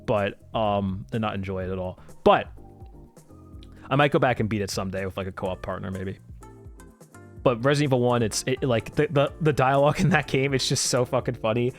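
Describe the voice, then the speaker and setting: A man's voice: mid-range voice, a little fast, faint music behind. A man livestreaming casual, enthusiastic commentary as a streamer, swearing freely and often talking through laughter.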